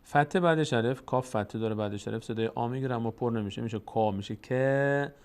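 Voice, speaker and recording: A man teaching Quran recitation step by step. He explains patiently and stretches out sounds slowly to demonstrate them. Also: medium pitch, darkish tone, clean tone.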